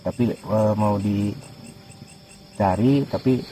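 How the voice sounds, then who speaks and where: A man's voice: on the low side, drawn-out words, dark tone, poor audio. A local man being interviewed outdoors at night, recounting casually in a hesitant, repetitive way. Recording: clear insect noise, outdoors at night.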